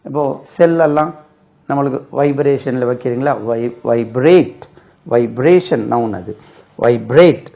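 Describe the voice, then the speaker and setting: Slow, methodical man teaching English words. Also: mid-range voice. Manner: slow, repeats words and spells them letter by letter. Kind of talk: spoken English lesson. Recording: dull lo-fi recording.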